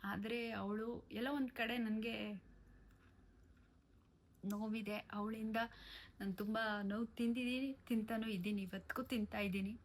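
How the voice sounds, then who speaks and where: A woman telling a personal story of betrayal, aggrieved and emotional, with pauses and restarts. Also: a little high, fairly even intonation. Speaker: vlogger. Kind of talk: personal testimony to camera.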